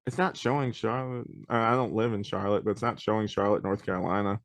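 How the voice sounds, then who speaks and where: A man's voice: fairly low pitch, flat delivery, fast, no echo. A man hosting a podcast in casual chat, joking around and talking through what he types. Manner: joking, narrates while typing. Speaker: podcast host.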